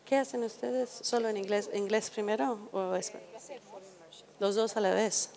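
A woman's voice: medium pitch, fairly even intonation, moderate pace, vocal fry, darkish tone. A woman giving a conversational lecture to an audience, often putting questions to the listeners. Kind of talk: educational talk to an audience. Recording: hall reverb.

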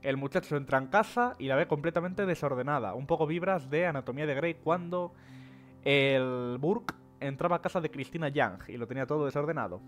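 Sarcastic, foul-mouthed streamer. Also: male voice, fairly high pitch, fairly quick, faint music behind. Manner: joking, sarcastic, swears freely, narrates and mocks on-screen characters. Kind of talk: casual gameplay commentary.

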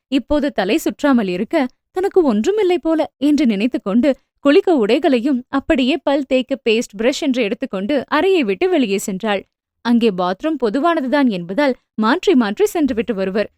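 A woman narrating a family novel as an audio book, telling the story in a steady, even way. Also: a little high, no room sound, studio quality.

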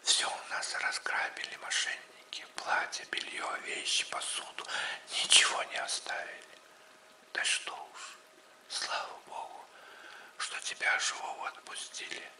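A man's voice: a little slow, bright, forceful tone, echoey room, poor audio. A man voicing a fussy, devoted old manservant in an audiobook, as whispered role-play right in your ear. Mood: indignant, relieved.

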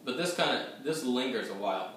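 Seated at a table in a small room at home, a young whiskey reviewer gives a casual tasting review to camera, hesitant and rambling with many fillers and restarts. His ordinary-pitched voice is animated, fairly quick and fairly bright. The room is very echoey, he sits a little distant from the mic, and faint ambient noise runs underneath.

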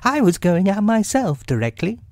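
A performer voicing a brisk, stern, self-important male rabbit in a storybook, prim and matter-of-fact. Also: medium pitch, big pitch swings, darkish tone, no room sound, voice pushed up.

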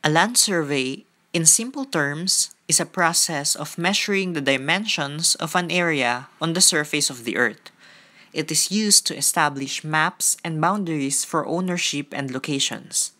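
A woman's voice: low-pitched, measured pace, pushed and bright. A woman hosting a gardening vlog, narrating outdoors on a farm lot in a friendly, explanatory way. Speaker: gardening vlogger.

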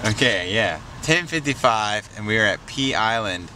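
A man's voice: fairly low pitch, lively intonation, normal speed, background noise. A young man talking casually to a handheld camera in a car, upbeat and full of surfer slang. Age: young adult. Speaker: vlogger. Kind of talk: casual travel vlog. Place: inside a car and a house kitchen. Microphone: handheld action camera at arm's length.

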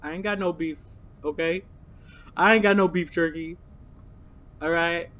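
A man's voice: on the high side, steady tone, unhurried, fairly bright tone. A scared, nervous man with a cracking voice, commenting casually and with plenty of swearing as he streams a horror game. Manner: foul-mouthed. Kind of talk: live gameplay commentary, casual. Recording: dull lo-fi mic, faint game noise.

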